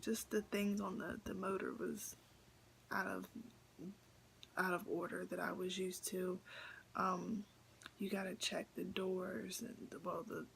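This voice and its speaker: A young woman vlogger telling a story casually to the camera, chatty and excited, with many fillers and repeats, often half-whispering. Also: mid-range voice, creaky, a little hiss or hum.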